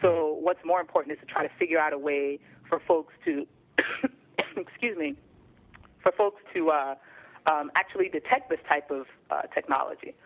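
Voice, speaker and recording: A man calling in over a thin, tinny phone line, his voice pitched a little high. He talks casually and hesitantly, filling pauses with plenty of ums and uhs. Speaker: guest commentator. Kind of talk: casual opinion discussion.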